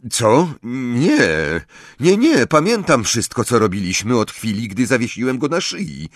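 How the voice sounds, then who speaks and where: A man's voice: medium pitch, sing-song, measured pace, breathy edge, no room sound, studio quality, pitched above the performer's own voice. A man voicing a shaken, stubborn teenage boy wizard who sounds breathless and defensive.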